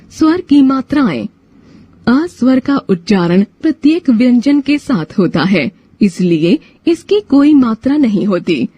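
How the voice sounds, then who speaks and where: A woman narrates a scripted grammar lesson, spelling out sounds one by one at an unhurried pace. Her voice is soft and somewhat husky, with a lively rise and fall. The recording is dry and a little muffled. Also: medium pitch, no echo. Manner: spells out sounds letter by letter, measured and deliberate. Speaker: Hindi grammar teacher.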